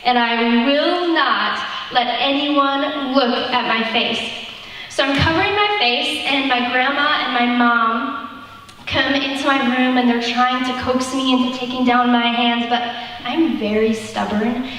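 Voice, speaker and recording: Young woman, youth sermon, storytelling, slightly high voice, distant mic, long hall reverb. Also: a bit bright. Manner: storytelling, slow and tender at key lines. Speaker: youth speaker. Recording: echoey hall from far off.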